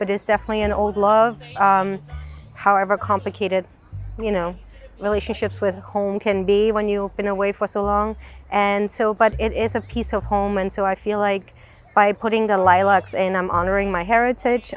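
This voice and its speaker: A woman from Austria, an artist, speaking reflectively about her work with many pauses, fillers and restarts. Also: mid-range voice. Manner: soft-spoken, halting, many fillers and restarts. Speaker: painter. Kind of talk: reflective interview monologue.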